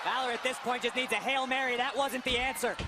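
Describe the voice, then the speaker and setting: A man's voice: very high-pitched, steady tone, fast talker. A man giving live color commentary as a wrestling commentator, analyzing with emphatic, dramatic turns of phrase. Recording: loud arena crowd noise. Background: roaring crowd in an arena.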